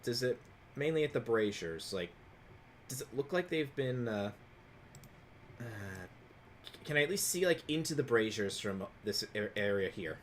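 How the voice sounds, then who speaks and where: A man of average pitch talks through his choices in a tabletop game. He is cautious and casual, with faint noise in the background. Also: animated, moderate pace, long pauses. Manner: cautious, deliberating. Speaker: player in a tabletop role-playing game.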